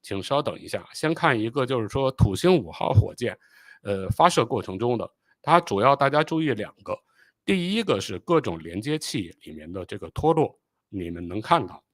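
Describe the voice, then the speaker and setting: A man hosting a live stream, explaining rocket launches and pausing often with fillers. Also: medium pitch, big pitch swings, a bit bright, dry recording, clean studio sound. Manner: explanatory, with frequent filler pauses; apologetic and hurried while fixing playback. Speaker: channel host.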